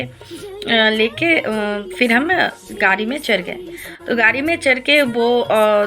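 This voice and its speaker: A woman vlogger telling her viewers a personal story, slowly and hesitantly, with many pauses, filler sounds and English words mixed in. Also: mid-range voice, pushed and bright. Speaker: devotional vlogger.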